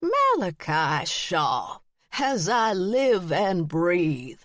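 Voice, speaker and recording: A woman's voice: lowish voice, wildly swooping pitch, very slow, fairly bright tone, dry recording, clean studio sound, exaggerated voice. A woman narrator voicing a crotchety, stern older aunt with a brusque, clipped delivery.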